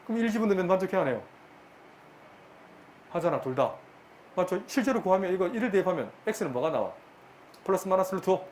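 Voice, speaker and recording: A man's voice: high-pitched, expressive, darkish tone, a little hiss or hum. Middle-aged man teaching math. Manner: brisk, bantering with students, repeats questions. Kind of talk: classroom lecture. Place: classroom.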